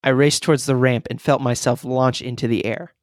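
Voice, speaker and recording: Dude reading a story out loud, jokey, mid voice, dry mic. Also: male voice, medium pitch, steady tone, fairly quick, no room sound. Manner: teasing, joking. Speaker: podcast co-host reading a story aloud. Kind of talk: casual reading with banter.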